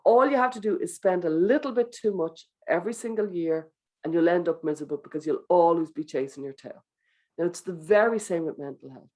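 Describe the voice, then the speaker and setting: Speaking to teachers about wellbeing, a mid-range voice coaches gently, leading breathing exercises. Along the way, the speaker voices inner thoughts aloud as if quoting them.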